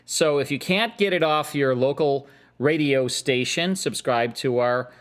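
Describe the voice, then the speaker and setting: A man's voice: medium pitch, unhurried. Male radio co-host, middle-aged, casual and joking. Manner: easygoing, joking, plugging the show. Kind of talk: casual chat promoting a show.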